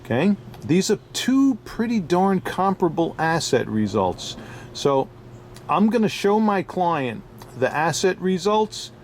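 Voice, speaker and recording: A man with a New York accent, speaking a bit higher than most men. He talks loosely and off the cuff, chuckling between points as he reviews stones for the camera. A faint hum of ambience sits behind him. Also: big pitch swings, measured pace. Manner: chatty, chuckling, loose and unscripted. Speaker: diamond dealer. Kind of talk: casual product review vlog.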